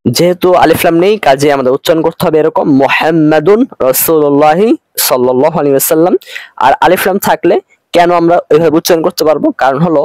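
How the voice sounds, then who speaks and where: With no room sound in the recording, a fairly high-pitched man with a darkish tone gives an online Arabic grammar lesson. His accent is Bangladeshi Bengali, and he patiently repeats himself, slowing for each Arabic phrase.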